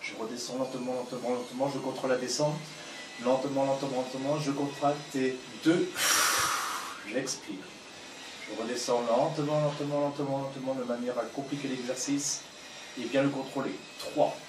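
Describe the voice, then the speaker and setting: A man's voice: mid-range voice, steady tone. Guy counting ab reps and breathing cues, sounds far from the mic, echoey room. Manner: counts reps while doing them, slow repeated cues. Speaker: fitness coach. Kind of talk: guided exercise instruction. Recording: roomy, off-mic with clear background noise.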